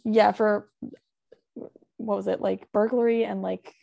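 A woman's voice: mid-range voice, flat delivery, takes it slowly, creaky, dark tone. A young woman podcast host telling a true-crime case in a chatty, casual way, full of "like" and "um". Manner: chatty, full of "like" and "um", laughs often.

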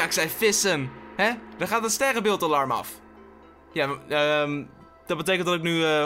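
This podcast host is a weary man doing a comedic solo show into a podcast mic. His high-pitched voice sounds bright and forceful as he rambles, cuts himself off with stammering restarts, and swears a lot.

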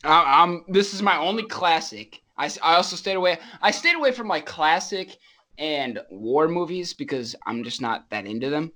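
Upbeat slightly high-voiced podcast guy. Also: lively intonation, normal speed, bright, forceful tone. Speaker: podcast co-host. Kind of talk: casual chat.

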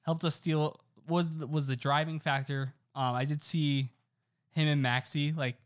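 A young man co-hosting a casual sports podcast, excitable and leaning on "like" as he talks. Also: a little high, measured pace. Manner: excitable, fills talk with "like". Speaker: podcast co-host.

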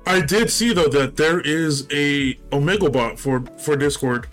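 A young man chatting casually as podcast co-host. He rambles and restarts, swears freely, and keeps trailing off with "I don't know." Faint music plays softly behind him. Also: fairly high pitch, a little slow. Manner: rambling, hesitant, swears often. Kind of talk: casual chat.

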